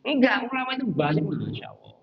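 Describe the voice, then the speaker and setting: A man giving a lively lecture on Islamic law in a mosque, acting out small scenes. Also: high voice, fast talker, highs cut off, slight background noise. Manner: animated, acts out little scenes and chants to show intonation. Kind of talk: conversational religious lecture. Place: mosque hall.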